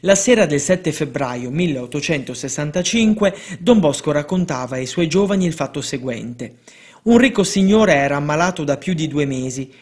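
A man reading devotional stories of a saint aloud in a steady, measured way. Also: on the high side.

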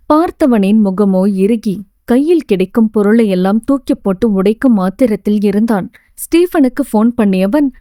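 A woman narrates a romance audio novel in a steady, expressive way. Her voice is dark and mellow. The recording is close and dry, with no room sound. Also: mid-range voice, dry recording.

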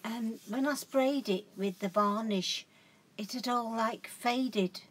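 A craft vlogger shows off her crafts at home in a casual show-and-tell chat. Her voice is on the high side, slow, with a breathy edge, and she rambles chattily, correcting herself as she goes.

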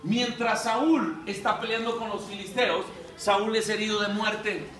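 Preaching in a high, slightly bright voice with fairly even intonation, this man keeps an unhurried pace as a dramatic storyteller who performs the voices and calls out for amens. Captured from a distance in an echoey hall, the recording has slight background noise.

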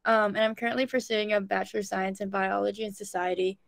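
A woman's voice: mid-range voice, fairly even intonation, quick pace, vocal fry. A young woman from California, a student intern, presenting slides on a video call. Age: young adult.

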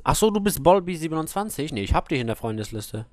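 A man's voice: on the high side, very animated, fast talker, no room sound. A man hosting a let's play, chatting casually over a headset and teasing his friends. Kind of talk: casual gaming voice chat.

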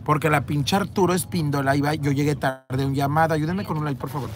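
A woman's voice: low voice, fairly even intonation, fast talker, slight background noise. A woman with a Mexican accent hosting a casual livestream, reading comments aloud in a teasing, crude way from a moving vehicle. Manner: teasing, crude, quotes others in a raised voice. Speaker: livestream host.

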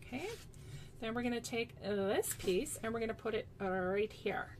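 A woman's voice: a little high, normal speed, background noise. A woman demonstrating card-making in a chatty, casual way, talking to her viewers as friends. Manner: chatty, giggly, talks to viewers as "you guys". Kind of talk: casual craft tutorial.

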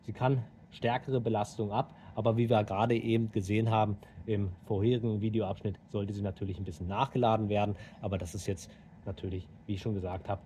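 In a how-to video shot outdoors in a driveway next to a car, a thirty-something DIY car channel host speaks briskly, steadily and directly to viewers. His voice sits on the low side, with slight background noise.

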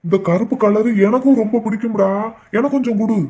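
A man's voice: high-pitched, fast talker, very noisy. A man voicing an indulgent, easygoing village uncle in a cartoon.

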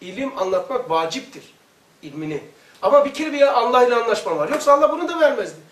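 A man's voice: very high voice, big pitch swings, quick pace, a bit bright. A man giving an informal religious lesson, a colloquial, joking storyteller who laughs at his own tales. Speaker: religious lecturer. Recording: echoey room, mic far off.

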